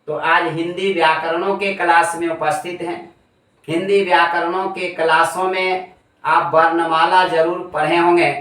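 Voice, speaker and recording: A man's voice: high voice, fairly bright tone. A man teaching a grammar lesson, emphatic and repeating key points. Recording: echoey room, voice far from the mic.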